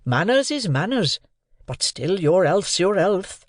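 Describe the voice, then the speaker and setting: A man reading aloud and voicing a kindly, simple working man who talks in a slow, earnest, homely way. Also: high voice, big pitch swings, no room sound, clean studio sound, voice pushed up, heavily acted.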